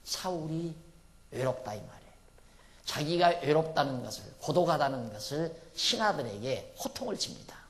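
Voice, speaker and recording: A male pastor giving an expository Bible sermon, reading scripture slowly and with emphasis, then explaining in blunt, colloquial asides. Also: on the high side, big pitch swings.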